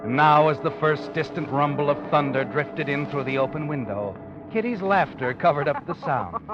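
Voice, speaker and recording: An actor playing an ominous, all-knowing night-walking storyteller, narrating a 1940s radio mystery in a brooding, theatrical way. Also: male voice, a little high, lively intonation, moderate pace, lightly acted. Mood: foreboding. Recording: dull vintage radio recording. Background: dramatic music.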